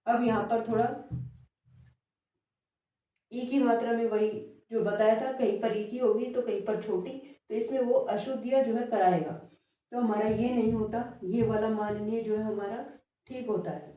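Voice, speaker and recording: Lady teacher explaining spelling, kinda high voice, lots of echo. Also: steady tone, moderate pace, dark tone, distant mic. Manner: explanatory, repeats words, frequent fillers. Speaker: Hindi teacher. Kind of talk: classroom lesson on spelling. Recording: echoey room, voice off-mic.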